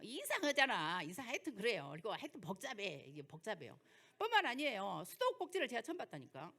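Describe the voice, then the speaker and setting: This older woman pastor has a mid-range voice with a sharp tone, speaking fast with huge pitch swings. Hailing from Jeolla, South Korea, and using its dialect, she gives a sermon lecture of folksy personal stories and rhetorical questions.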